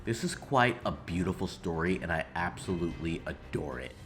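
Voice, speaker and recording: Over soft background music, a video game commentary creator shares strong opinions in a video essay, speaking at a moderate pace in a low, expressive, slightly bright voice. His delivery is emphatic and informal, with occasional cursing.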